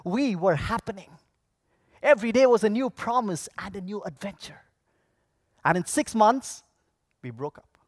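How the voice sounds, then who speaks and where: A man delivering a rehearsed motivational speech, telling stories theatrically with dramatic pauses and projecting to an audience. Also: high voice, dry recording, clean studio sound. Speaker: contest public speaker. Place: on stage at a speech contest convention.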